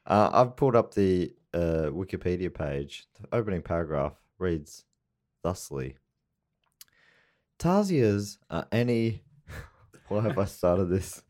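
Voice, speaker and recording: A man's voice: low voice, very animated, slow pace, pauses often, a little mellow. A man co-hosting a podcast, playful and mock-serious, stumbling over long words as he reads. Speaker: podcast co-host. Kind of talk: casual comedic chat.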